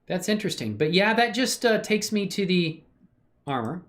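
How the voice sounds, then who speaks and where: A high-pitched, slightly bright male voice, very animated at normal speed, leads a casual livestream of 3D animation work. He talks with live viewers in a slangy, easygoing, appreciative way and reasons aloud as he goes.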